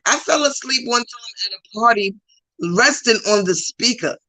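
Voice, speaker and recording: This woman's voice sits on the high side, bright and forceful at a moderate pace, captured in a dry, poor-quality recording. She's a comedian from Trinidad guesting on a casual podcast, her thick accent tinged with New York. Blunt and emphatic, she repeats herself to drive points home.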